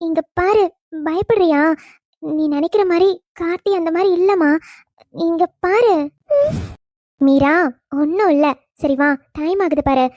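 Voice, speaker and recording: A woman's voice: very high voice, a little mellow, dry recording, clean studio sound, voice pushed down. A woman voicing a kindly older mother-in-law in a cartoon story, speaking in a soothing, coaxing way.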